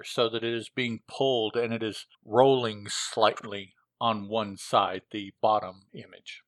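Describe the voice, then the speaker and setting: A man's voice: medium pitch, fairly bright tone, dry recording. A man reviewing old comic books, retelling the plot in a rambling, casual way with lots of filler words. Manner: rambling, with frequent filler words and self-corrections.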